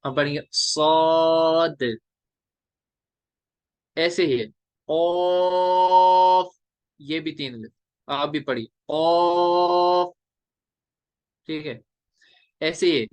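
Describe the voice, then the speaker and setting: A male teacher explaining recitation rules step by step, drawing out letters in slow chanted examples. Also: fairly high pitch, fairly bright tone, no room sound. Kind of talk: classroom lecture on recitation rules.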